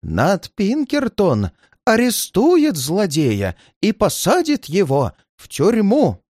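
A man's voice: sits high, wildly swooping pitch, takes it slowly, a little mellow, no echo, clean studio sound, voice pushed up, full character voice. A man voicing a frightened, paranoid old man who pleads in a shaky, tearful voice. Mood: frantic, fearful. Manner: frantic outbursts, near tears.

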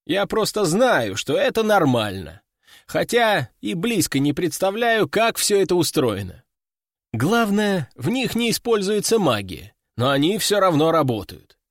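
Wry, lively male audiobook narrator. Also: sits high, unhurried, dry recording, studio quality. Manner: wry, ironic storytelling. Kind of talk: first-person audiobook narration.

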